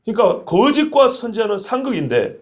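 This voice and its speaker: A male pastor preaching an expository sermon, acting out quoted lines with sudden shouts. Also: high-pitched, big pitch swings, a little fast.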